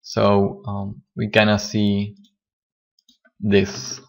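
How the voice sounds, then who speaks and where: A man with a slightly hoarse, lowish voice walks through a coding tutorial. He speaks slowly and haltingly, pausing often and restarting his sentences as he explains each step. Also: monotone. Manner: halting, many fillers and restarts. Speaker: programming tutor. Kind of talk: screen-recorded coding tutorial.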